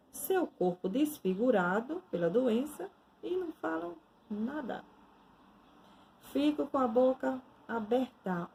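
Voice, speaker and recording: Nun, slow dramatic devotional storytelling, mellow tone, faint hiss behind. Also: female voice, a little high, creaky, low-quality recording.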